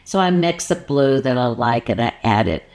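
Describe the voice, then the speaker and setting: A woman's voice: rumbling low, animated, moderate pace, a little mellow. A woman artist and art coach talking casually to her viewers, then narrating her painting process and joking about her own frustration. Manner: playful, asks the viewer questions.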